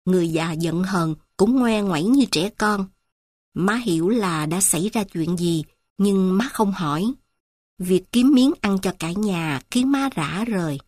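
A woman narrating a literary story in a slow, measured, reflective way. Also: mid-range voice, darkish tone, no echo, studio quality.

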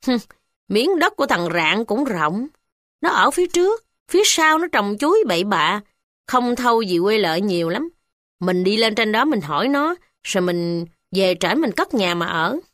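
A woman with a Southern Vietnamese accent voicing a bold, scornful poor village wife who speaks sharply and high. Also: big pitch swings, normal speed, no echo, clean studio sound. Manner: sharp, scolding, raised pitch.

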